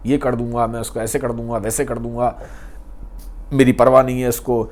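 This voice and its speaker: A man's voice: medium pitch, flat delivery, moderate pace, a little mellow, pitched below the performer's own voice, close to an everyday voice. A man voicing a strong, reckless young man who talks in a blunt, demanding way. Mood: bitter.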